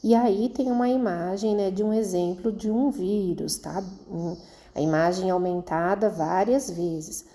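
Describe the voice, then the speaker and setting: A woman's voice: medium pitch, unhurried, dark tone. A woman, a schoolteacher recording a video lesson for children and explaining patiently step by step, checking in often with her pupils.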